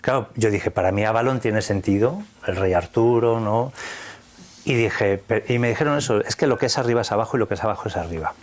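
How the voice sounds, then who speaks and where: A man's voice: fairly low pitch, brisk. A man from Spain with a Spanish accent, recounting a personal experience in earnest, vivid detail, quoting the dialogue. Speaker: interview guest.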